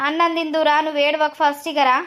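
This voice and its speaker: A woman plays a high-voiced village mother-in-law in a home-made cartoon, forever fussing over her family. She pleads, scolds and soothes in a rustic, sing-song way. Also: flat delivery, quick pace, fairly bright tone. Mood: soothing. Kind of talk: animated village drama voice acting.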